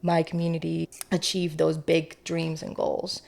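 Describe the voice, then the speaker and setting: A woman with a lowish voice and a pronounced vocal fry talks in a conversational interview. She comes across as earnest and encouraging, like a professional explaining her work. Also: completely flat delivery, unhurried, darkish tone. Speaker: real estate agent being interviewed.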